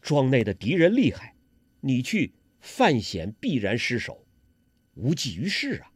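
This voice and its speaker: A man voicing a hushed, sly young nobleman. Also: huge pitch swings, unhurried, husky, no room sound, exaggerated voice. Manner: low, hushed, coaxing. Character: young nobleman prisoner, sly, self-important.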